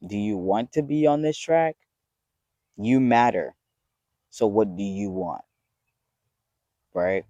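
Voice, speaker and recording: Warm low-voiced young man, rambling pep talk. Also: slow, pauses often, dry recording, lo-fi sound. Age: 20s. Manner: rambling, earnest, swears freely. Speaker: vlogger. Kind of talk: casual motivational talk to camera.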